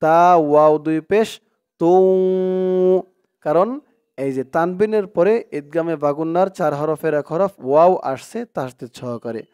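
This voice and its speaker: A man teaching Quran reading, spelling out letters and vowel marks one by one, then chanting the Arabic words in a drawn-out, louder voice. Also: on the high side, smooth, no echo, studio quality. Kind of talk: slow spelling-out recitation lesson.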